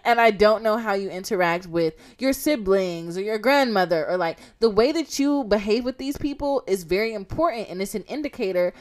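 Woman, podcast co-host, frank, blunt, swears casually, mid-pitched voice. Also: lively intonation, fairly quick, hardly any pauses. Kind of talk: casual relationship chat.

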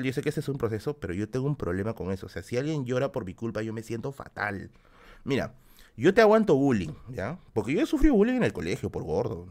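A young man with a Peruvian Spanish accent, chatting casually on a late-night livestream, reading out donations and viewer comments in a self-deprecating way. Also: mid-range voice. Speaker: streamer.

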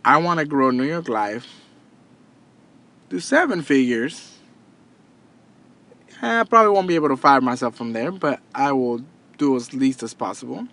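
His voice is mid-range and fairly bright. This man in his thirties, a podcast host and entrepreneur, speaks casually and earnestly in a motivational monologue, often restarting and going back over what he's said.

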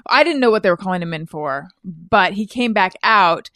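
A woman's voice: medium pitch, moderate pace, no room sound, clean studio sound. A woman hosting a casual comedy chat, telling stories with lots of acted-out quotes and laughter. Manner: animated storyteller, acts out quotes, laughs often. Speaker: podcast host.

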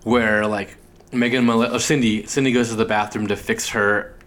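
A young man co-hosting a podcast in casual chat, animated and quick to laugh, leaning on "like" a lot. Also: lowish voice. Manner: animated, laughs often, many "like" fillers. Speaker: podcast co-host.

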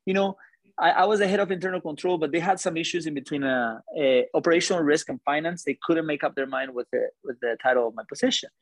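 A man tells a story to a room of listeners, animated and chatty, often asking them questions. His voice sits a bit high for a man and sounds dry and close, with little room sound. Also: quick pace, no echo. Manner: animated, conversational, asks the audience questions. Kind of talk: live storytelling to an audience.

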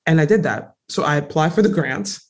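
Speaking a little fast in a low-sitting voice, a young native French speaker from Congo tells her story as a guest entrepreneur in a relaxed interview. She sounds eager and direct, animated, and she hits key words hard.

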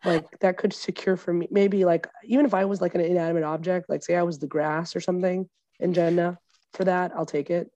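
A woman from Egypt talks as a podcast guest, lively and joking, with plenty of ums and likes. Her voice sits low and mellow. The recording is dry and a little dull. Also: fairly quick, dry recording. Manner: animated, joking, with frequent fillers. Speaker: podcast guest, lawyer and comedian. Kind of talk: casual conversational interview.

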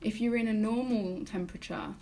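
A woman's voice: fairly high pitch, brisk, crowd noise. A young woman co-hosting a casual chat, talking ideas through at length. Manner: chatty, explains ideas at length. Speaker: podcast co-host.

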